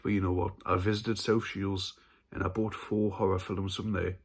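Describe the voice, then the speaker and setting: A man talks casually to camera in a haul vlog about horror films. His voice sits low and has a husky edge. He is chatty and stumbles over his words at times. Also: flat delivery, moderate pace. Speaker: horror film channel host.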